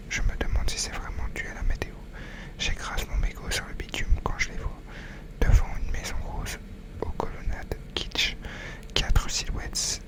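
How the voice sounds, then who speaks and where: A person reading a novel aloud in a soft, unvoiced ASMR whisper, in an unhurried storytelling manner with occasional stumbles. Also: rough recording.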